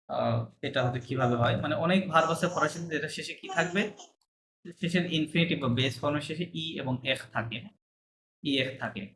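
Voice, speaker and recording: Against background noise, an online French teacher with a medium-pitched voice walks through verb endings patiently. The lesson mixes English with French terminology, with frequent checks that students are following.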